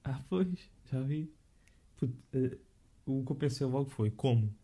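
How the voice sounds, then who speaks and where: A man's voice: medium pitch, measured pace, warm tone. A young man with a European Portuguese accent, chatting casually in slang with many fillers and restarts. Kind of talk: casual podcast chat.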